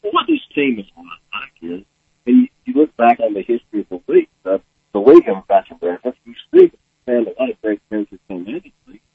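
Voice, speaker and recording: A man's voice: mid-range voice, huge pitch swings, fairly quick, vocal fry, slightly rough. A man talking basketball as a sports radio analyst, heard over a muffled phone line that sounds like he is in an echoing tunnel. He rambles and restarts his sentences.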